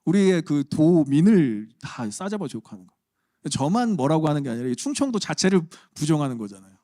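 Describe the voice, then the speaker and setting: A man's voice: a little high, sing-song, fairly quick, mellow, dry recording, clean studio sound. A man preaching a sermon as pastor, conversational and humorous with emphatic turns. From Chungcheong region, Korea.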